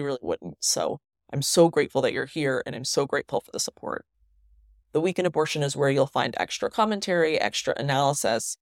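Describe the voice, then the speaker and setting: A woman hosting a solo news commentary show, speaking in an earnest, emphatic way and stressing points by repeating words, on low-quality audio made without her usual microphone in a family home. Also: creaky, dry recording, clean studio sound. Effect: low-quality audio recorded without her usual microphone. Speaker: podcast host and newsletter writer.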